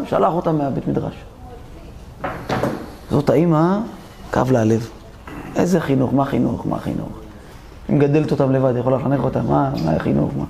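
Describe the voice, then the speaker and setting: Animated high-voiced rabbi preaching. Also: male voice, creaky, slight background noise. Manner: animated storyteller, voices characters, addresses audience directly. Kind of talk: sermon with storytelling.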